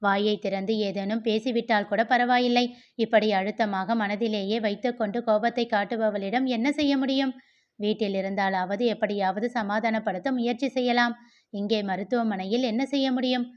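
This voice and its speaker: A woman reads a novel aloud, narrating in a steady, even way. Her voice sits at a middle pitch for a woman. The recording sounds slightly dull and lo-fi. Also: normal speed. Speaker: storyteller.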